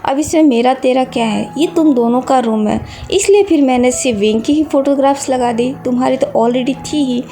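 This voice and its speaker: A woman voicing a doting, affectionate middle-aged mother in a storybook reading, with a soft, fond tone. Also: sits high, normal speed, few pauses. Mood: pleased.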